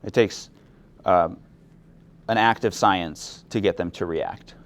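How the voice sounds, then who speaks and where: A young man teaching a chemistry class, explaining things in a relaxed way and asking students questions. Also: low voice, takes it slowly. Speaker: chemistry instructor. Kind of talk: classroom lecture.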